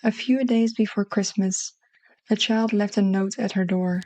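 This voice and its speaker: Female story narrator, Dutch accent, soft and mellow delivery, mid-range pitch, very dry close sound. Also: fairly even intonation, measured pace, dry recording, low-quality recording. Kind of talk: scripted literary short story narration.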